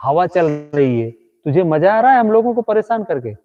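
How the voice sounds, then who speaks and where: A man's voice: high-pitched, big pitch swings, normal speed, narrow, tinny audio, a little hiss or hum. Man teasing a ghost on a live stream. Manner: teasing, talks directly to an unseen ghost. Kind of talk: comedic live-stream commentary. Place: outdoors at night.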